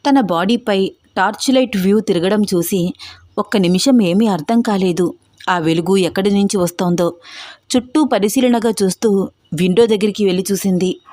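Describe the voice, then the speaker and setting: Female story narrator, steady and even, dry close-miked sound. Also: mid-range voice, moderate pace, no echo.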